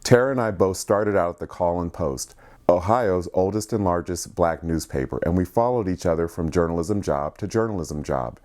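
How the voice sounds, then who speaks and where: A man from Columbus, Ohio, a journalist, narrating a scripted personal story in a measured, reflective way. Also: low-pitched, darkish tone. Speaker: journalist and filmmaker.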